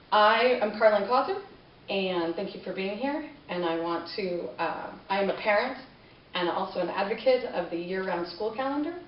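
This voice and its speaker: A woman's voice: medium pitch, slight background noise. A woman who is a parent giving a conversational persuasive speech to a class, asking the listeners rhetorical questions. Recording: distant, roomy, dull classroom recording.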